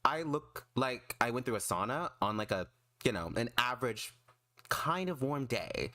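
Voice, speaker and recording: A man chatting casually on a livestream in an excitable, emphatic, self-deprecating way. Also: mid-range voice, normal speed, dry recording, clean studio sound. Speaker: streamer and artist.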